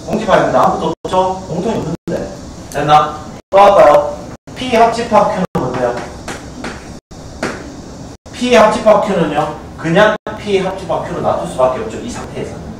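A male math teacher with a Gyeongsang Korean accent lecturing a class, constantly quizzing students with quick checks. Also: a little high, lively intonation, a little hiss or hum. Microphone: far camcorder. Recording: echoey classroom from a far camcorder.

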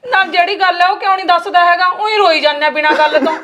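A woman's voice: extremely high pitch, fast talker, a bit bright, a little hiss or hum. An actress playing a concerned village woman who questions a crying man, with a Malwai Punjabi accent. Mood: probing. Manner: probing, repeated questions. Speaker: female relative. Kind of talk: web series acting.

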